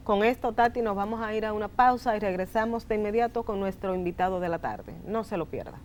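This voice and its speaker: A woman's voice: mid-range voice, animated, fast. A woman co-hosting a health talk show, chiming in conversationally. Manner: interjecting, conversational. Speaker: co-host.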